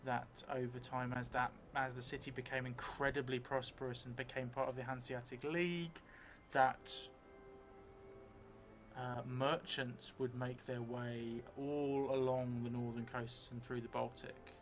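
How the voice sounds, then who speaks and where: A medium-pitched middle-aged man, a solo role-player and streamer, works through an improvised tabletop game on his own, voicing his thoughts with hesitation and long, musing pauses. The recording is clear, with a steady hum behind it, made at a table in an indoor theatre room.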